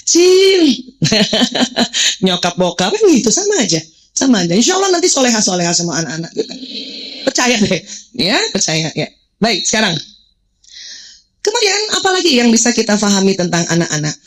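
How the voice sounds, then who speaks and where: A woman's voice: medium pitch, sing-song, fairly quick, poor audio. A woman in her forties giving a religious parenting talk to mothers, joking and quizzing the audience. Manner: playful, jokes and quizzes the audience.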